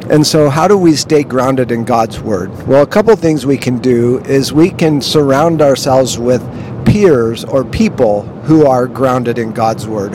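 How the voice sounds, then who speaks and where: A man hosting a devotional podcast in a slow, measured, earnest way, recorded as low-quality audio inside a moving vehicle. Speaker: podcast host. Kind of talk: devotional monologue. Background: faint vehicle rumble.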